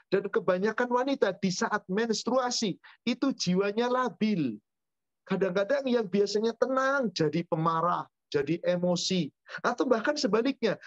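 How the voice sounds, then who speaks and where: Islamic teacher with a dull, dry recording. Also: male voice, high voice, no echo. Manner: rhetorical questions and spoken lists. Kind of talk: Q&A religious study talk.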